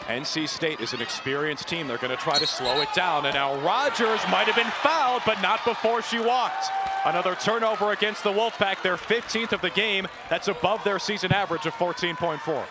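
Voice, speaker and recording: A sportscaster in his early twenties delivers play-by-play commentary and sports reports in a voice that sits high and moves a little fast. A loud crowd is audible, with clear background noise from the venue.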